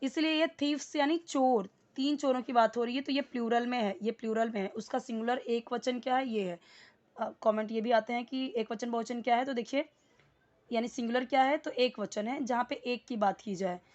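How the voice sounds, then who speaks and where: A woman's voice: fairly high pitch, fairly even intonation, moderate pace, a little mellow, muffled recording. A woman teaching English in Hindi, repeating words and explaining them patiently with many fillers.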